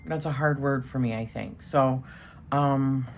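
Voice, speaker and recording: A woman reads tarot in a casual spoken session, chatting and wandering a bit with many filler words. Her strong, extremely low voice has fairly even intonation and a slightly slow pace, over a little hiss or hum.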